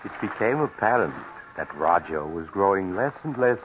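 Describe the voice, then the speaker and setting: Deep-voiced ominous mystery narrator. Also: male voice, animated, fairly bright tone. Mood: ominous, measured. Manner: measured, dramatic, deliberate. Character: ominous male storyteller of a radio mystery. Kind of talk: 1940s radio suspense narration. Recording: muffled, noisy old radio recording.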